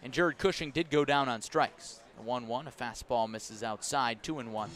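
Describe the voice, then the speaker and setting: This man speaks at normal speed in a mid-range voice. He's calling a baseball game live on radio from an outdoor ballpark, shifting between clipped calls and conversational asides.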